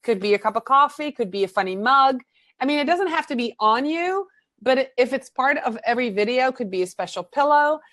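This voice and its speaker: A woman from the Netherlands with a Dutch accent, a marketing coach chatting as a guest on a video interview, animated and full of fillers. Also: sits high, a little fast, no room sound. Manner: chatty, animated, fills with "um" and "you know".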